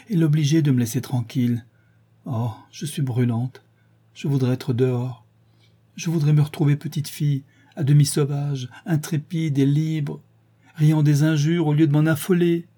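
A man's voice: fairly high pitch, mellow, husky. A man reading aloud as a feverish, delirious young woman, speaking in an impassioned, pleading way. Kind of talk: audiobook character reading.

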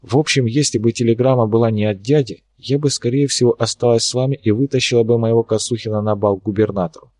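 A man's voice: mid-range voice, steady tone, fast talker, few pauses, darkish tone, dry recording, lightly acted. A wry young woman scientist, anxious under her irony, speaks in a lightly lifted voice, as a male audiobook reader puts her on. The recording is dry and close, with no room around it.

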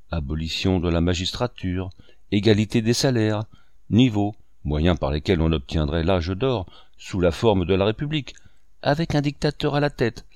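A man narrating a classic novel in a measured, expressive reading. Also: low voice, dry recording, clean studio sound. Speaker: audiobook narrator.

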